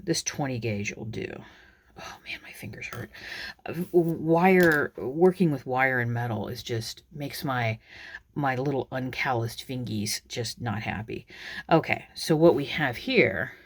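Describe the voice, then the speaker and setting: A woman's voice: extremely low pitch, no room sound. A woman talks through her crafting work in a loose, unscripted way. She rambles, restarts her sentences and fills the gaps with ums as she demonstrates each step. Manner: chatty and rambling, many ums and restarts, laughs at herself. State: has the hiccups. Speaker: craft video maker.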